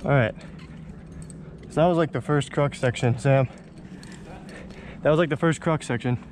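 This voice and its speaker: A young man muttering halting, slangy commentary to himself as he exerts himself rock climbing outdoors. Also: mid-range voice, darkish tone. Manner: halting, talking to himself in short slangy phrases. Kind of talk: casual muttered self-commentary while climbing. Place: outdoors on a rock cliff face. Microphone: body-worn action camera. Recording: clear outdoor noise on action camera.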